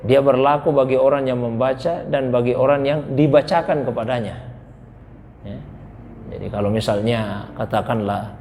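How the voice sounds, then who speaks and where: A man giving a Quran exegesis lesson in a mosque, reciting Arabic verses slowly and then explaining them in plain, calm speech. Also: mid-range voice. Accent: Indonesian. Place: mosque hall. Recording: long reverb in a mosque hall, faint noise.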